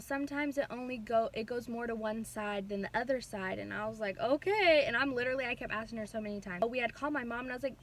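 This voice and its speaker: A young woman vlogger casually retelling a personal story, chatty and animated, with lots of fillers. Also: fairly high pitch.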